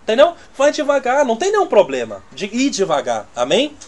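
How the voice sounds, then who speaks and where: A man teaching a church congregation in a conversational way, often checking that his listeners understand, his loudness swinging from quiet asides to emphatic bursts. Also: very high-pitched, huge pitch swings, a little fast. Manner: conversational, checks the audience with constant "né?" and "tá entendendo?".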